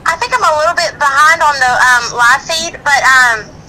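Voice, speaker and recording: A woman's voice: high-pitched, moderate pace, noisy background. A female caller, hesitant and apologetic, her call played through a speaker into the host's microphone. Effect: phone call played through a speaker into the host's microphone. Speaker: phone-in caller.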